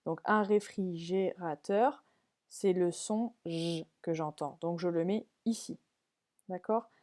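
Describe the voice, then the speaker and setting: A woman's voice: on the low side, slow pace, darkish tone. A woman primary school teacher walking parents and pupils through a learning app on screen, step by step, patiently checking that they follow.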